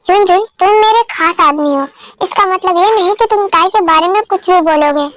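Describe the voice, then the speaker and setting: A woman's voice: very high voice, moderate pace, fairly bright tone, no echo. A woman voicing a stern, controlling middle-aged father and boss who speaks in a curt, commanding way.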